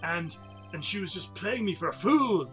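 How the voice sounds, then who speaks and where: A man's voice: high-pitched, lively intonation, normal speed, pushed and bright, faint music behind. A man voicing a dim-witted, dramatic young stoner friend in a video game, with a dumb stoner drawl. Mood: mopey.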